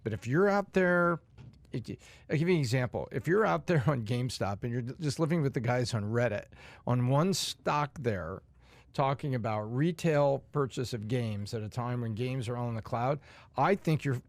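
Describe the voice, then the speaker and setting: A man's voice: mid-range voice, animated, normal speed. Man explaining on a podcast panel. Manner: explains points with examples. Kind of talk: casual panel chat.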